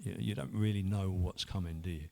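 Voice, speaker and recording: Fairly quick and mellow, this low male voice carries vocal fry. It belongs to a church member in his 50s whose personal testimony is earnest and rambling, full of restarts.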